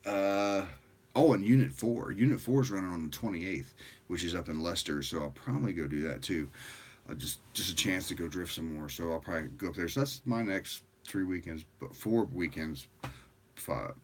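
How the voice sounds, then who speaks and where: A man with a very deep voice hosts a casual livestream and chats with viewers. He sounds tired and rambles in a loose, easygoing way, with plenty of fillers. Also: moderate pace, husky. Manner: rambling and relaxed, with frequent fillers and laughs. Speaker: livestream host.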